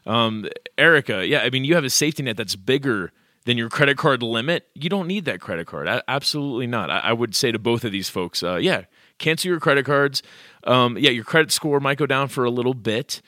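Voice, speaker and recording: A man's voice: medium pitch, expressive, a little fast, pushed and bright, dry recording, studio quality. A man co-hosting a podcast. He gives blunt, direct advice in a casual way, with frequent fillers. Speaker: podcast co-host.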